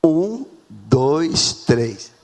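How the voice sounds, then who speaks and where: A Brazilian man with a Brazilian Portuguese accent preaching a sermon in a church, dramatic, swinging between hushed and loud, calling on members of the congregation by name. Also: fairly high pitch, big pitch swings, extremely slow, soft background music. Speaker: pastor. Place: church sanctuary. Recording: reverberant church hall.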